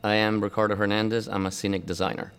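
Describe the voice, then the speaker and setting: A man's voice: lowish voice, little pitch movement, fast talker, loud music behind the voice. A scenic designer from Argentina speaking in a documentary interview, reflective and searching for his words.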